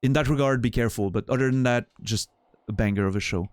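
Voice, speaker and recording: Speaking fast at a medium pitch with no echo, a Swiss man, a native French speaker with a Swiss French accent, chats casually with his stream viewers. His talk rambles, swears, and keeps restarting.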